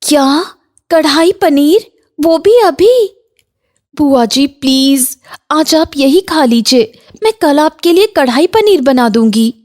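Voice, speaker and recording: A woman's voice: high voice, lively intonation, slow, a little mellow, voice pushed up. A woman voicing a polite young daughter-in-law in a cartoon, eager to please. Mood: flustered. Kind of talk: Hindi cartoon voice acting.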